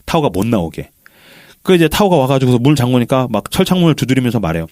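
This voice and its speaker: Animated male podcast host retelling a film. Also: medium pitch, fast talker, no echo, studio quality. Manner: animated storyteller, acts out quotes.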